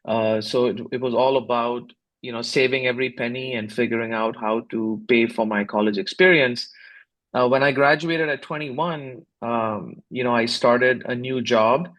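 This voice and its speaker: A man in his fifties, from India, talks through his answers as a podcast guest. His delivery is reflective and measured, full of small pauses and restarts, at an ordinary middle pitch. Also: a bit bright. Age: 50s. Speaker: guest, startup founder. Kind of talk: casual podcast interview.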